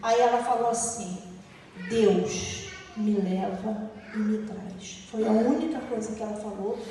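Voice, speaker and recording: A woman's voice: fairly high pitch, dark tone, a little hiss or hum. A middle-aged woman from Rio de giving a testimony sermon, telling a story and acting out the voices in it. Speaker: church speaker giving testimony. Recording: echoey hall from far off.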